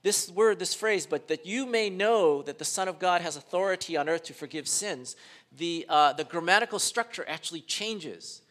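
A man's voice: sits high, moderate pace, fairly bright tone. A man preaching a sermon as pastor, talking conversationally with fillers and restarts and dropping his voice to act out quoted speakers.

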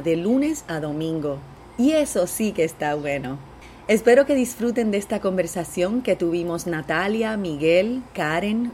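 A woman's voice: mid-range voice, darkish tone, slight background noise. Upbeat Puerto Rican woman hosting a podcast. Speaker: podcast host. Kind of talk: personal podcast intro monologue.

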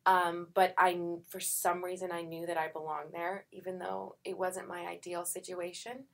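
A woman's voice: fairly low pitch, little pitch movement, normal speed, vocal fry. A young adult actress, chatty and full of filler words, who acts out her own past thoughts while telling her story in an interview. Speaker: actress guest. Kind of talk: casual conversational interview.

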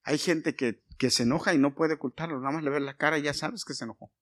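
A middle-aged man with a Mexican Spanish accent preaching a sermon, retelling a Bible story, going from hushed asides to loud bursts. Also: a little high. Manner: storytelling with many pauses, swings from hushed to loud.

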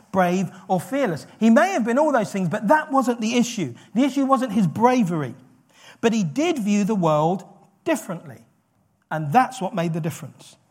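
A man preaching a sermon in an animated way, acting out quoted lines with rising intensity. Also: sits high.

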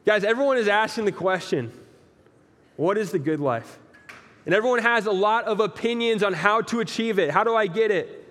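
A young man preaching a casual, conversational sermon, relaxed and joking as he talks straight to the listeners. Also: high voice, normal speed. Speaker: pastor. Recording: long echo of a large hall.

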